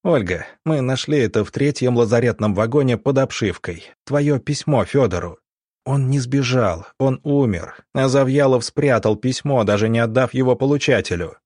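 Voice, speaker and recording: A man voicing a young male country doctor who accuses sharply and deliberately, full of righteous anger. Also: mid-range voice, darkish tone, dry recording, clean studio sound, lightly acted. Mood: furious.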